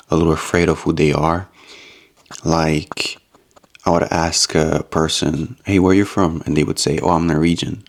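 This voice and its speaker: A man's voice: a bass voice, gravelly. A man from Romania talking earnestly to the camera in a rambling vlog monologue, often repeating himself. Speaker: YouTube vlogger.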